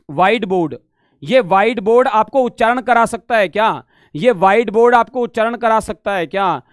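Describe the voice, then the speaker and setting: A man leads a live online exam-prep lesson in a high, resonant voice. He repeats each point, keeps asking whether students have understood and turns the questions back on them. The sound is dry and close. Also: clean tone, no room sound. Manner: repetitive, asks "samajh gaye?" often, calls students beta; drills questions back at the class. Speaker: Sanskrit teacher.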